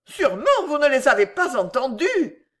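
A reader doing a shrill, swooning spinster aunt. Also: female voice, drawn-out words. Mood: fluttered. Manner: shrill, fluttering outcries. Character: hysterical spinster aunt, middle-aged, swooning, sentimental.

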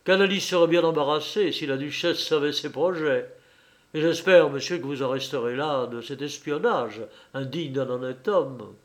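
A man reading the part of an earnest, jealous young gentleman in love, speaking reproachfully. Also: on the high side, normal speed, lightly acted.

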